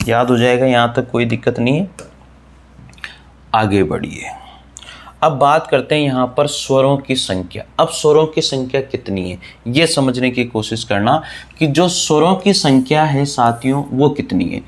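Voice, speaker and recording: A man's voice: medium pitch, lively intonation, moderate pace. A man teaching an online grammar lesson, explaining step by step, asking questions and answering them himself, repeating the key points and addressing his viewers as friends.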